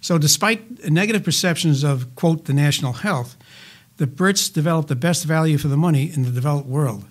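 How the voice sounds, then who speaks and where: An older man walking through healthcare spending figures in an interview, speaking in a measured, methodical way. His voice sits a little higher than most men's, and he leans on "uh" fillers between points, now and then slipping in a dry aside. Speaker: healthcare finance advisor, interview guest. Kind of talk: explanatory interview answers.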